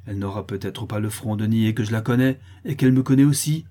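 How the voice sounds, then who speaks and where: A man's voice: on the low side, fast, dark tone, lightly acted. A man reading the part of a vengeful widowed milkmaid, harsh and accusing.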